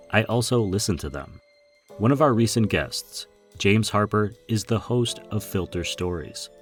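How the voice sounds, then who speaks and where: A man hosting a coffee podcast, reading a scripted, upbeat introduction and sponsor message. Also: deep voice. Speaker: podcast host.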